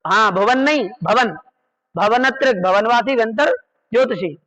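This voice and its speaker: A man's voice: high voice, moderate pace, fairly bright tone, dull audio. A man teaching a class on religious scripture, patiently repeating key terms and checking that his listeners follow. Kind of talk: slow explanatory class on Jain scripture.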